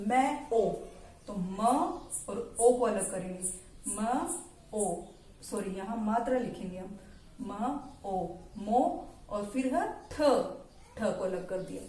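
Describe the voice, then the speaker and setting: A woman teacher with a fairly high voice leads a lesson for young children. She sounds out each syllable slowly and patiently, and the recording carries a noticeable room echo. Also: a little mellow. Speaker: primary school teacher. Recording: echoey room.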